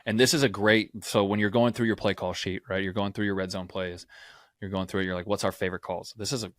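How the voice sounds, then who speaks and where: Talking fast in a lowish, steady voice, this football podcast co-host walks through game film play by play, frequently tossing in "right?". The sound is dry and studio-clean.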